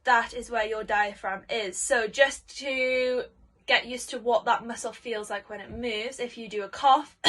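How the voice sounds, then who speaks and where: A woman singing teacher giving spoken warm-up instructions, explaining simply and encouragingly, step by step, as if for children. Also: a little high, fairly even intonation, unhurried.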